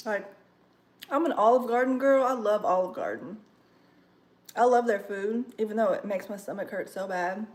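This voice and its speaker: A young woman chatting casually on a kitchen livestream, full of fillers and savoring her food out loud. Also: medium pitch. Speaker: livestream host. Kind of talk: casual livestream cooking chat. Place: home kitchen.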